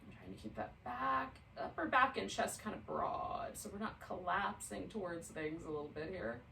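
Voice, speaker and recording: A woman's voice: on the low side, normal speed, gravelly, slight background noise. Woman guiding a yoga class from across a roomy space. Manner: relaxed, chatty, laughs easily. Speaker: yoga instructor. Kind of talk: guided yoga class instruction. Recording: roomy sound, mic at a distance.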